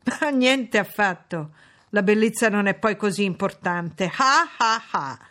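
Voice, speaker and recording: A woman reading an audiobook, voicing a brusque, mocking middle-aged gentleman who teases and commands. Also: medium pitch, measured pace, close to an everyday voice. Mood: sardonic teasing. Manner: sardonic, teasing, commanding.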